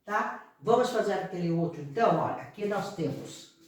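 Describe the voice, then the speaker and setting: A Brazilian woman teaching a grammar lesson, explaining slowly, repeating herself and often checking that the class follows. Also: fairly low pitch, lively intonation, a little mellow. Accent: Brazilian Portuguese. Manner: explains slowly with frequent check-ins and repetition. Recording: echoey room, voice far from mic.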